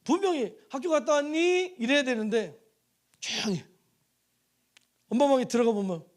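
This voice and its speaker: A male pastor preaching a sermon in a church, animated and storytelling, acting out quoted voices and putting questions to the congregation. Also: very high-pitched. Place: church sanctuary.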